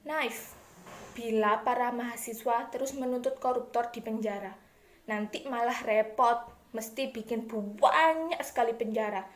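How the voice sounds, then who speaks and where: Smug corrupt official, played by a woman, satirical stage monologue. Higher register, hammy oratory, very roomy echo. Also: natural voice. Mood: smug, mocking. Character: smug, self-righteous corrupt official proudly confessing. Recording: echoey room.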